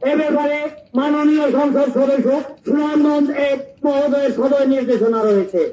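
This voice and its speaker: A man calling out a formal public announcement for the local administration through a loudspeaker, loud and stiffly worded. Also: very high voice. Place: outdoors. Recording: distant echoing loudspeaker outdoors, faint noise.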